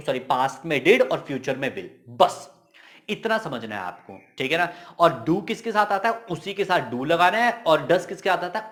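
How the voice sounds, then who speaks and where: A man with a fairly high, somewhat bright voice teaches English grammar in a casual but emphatic style. He restates key points as quick questions and drops in jokey asides.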